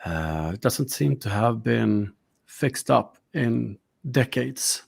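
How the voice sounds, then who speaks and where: Swedish-native gm guy, gravelly, rambly, hunts for english words. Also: mid-range voice, expressive, slow. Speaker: game master. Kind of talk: narrating a tabletop game.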